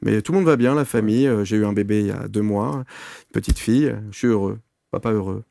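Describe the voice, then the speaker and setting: Gravelly French man telling anecdotes. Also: on the low side, brisk, no echo, studio quality. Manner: animated anecdotes with many fillers and restarts. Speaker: medium, interview guest. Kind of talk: casual interview storytelling.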